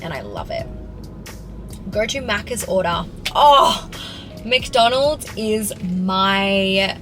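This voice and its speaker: With music running underneath, a young Australian woman in her 20s, a fitness vlogger, chats casually to camera while answering viewers' questions. Her voice is medium-pitched, and she says "like" constantly.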